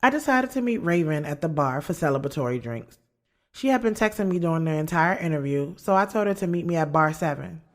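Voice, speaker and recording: Low-pitched, brisk, and lively in intonation, this woman voices a guarded young author in an audio drama, narrating and speaking dialogue in the first person. She's reflective and frank about her love life, candid and sassy with plenty of slang, against a music bed.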